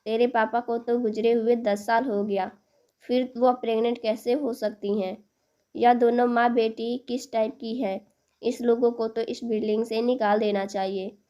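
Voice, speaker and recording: A woman voicing scornful neighbours who taunt and gossip, with a fairly high voice. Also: flat delivery, unhurried, dark tone, lo-fi sound, close to an everyday voice.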